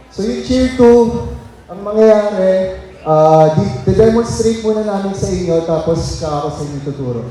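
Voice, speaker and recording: A man's voice: high-pitched, warm tone. A man with a Filipino accent leading a crowd through cheers, counting beats and calling instructions in a large theater. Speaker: cheer leader of a drum group. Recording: echoey theater, mic heard from far off.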